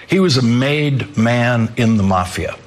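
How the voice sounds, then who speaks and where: A man in his sixties hosting a news program, delivering a measured, emphatic commentary monologue. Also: mid-range voice. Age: 60s. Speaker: news host.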